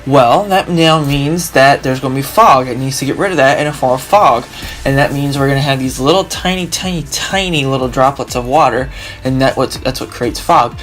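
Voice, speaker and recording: A man's voice: mid-range voice, moderate pace, fairly bright tone, soft background music. A young man with a groggy allergy-worn voice, explaining weather casually in a rambling way with many restarts. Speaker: weather video host.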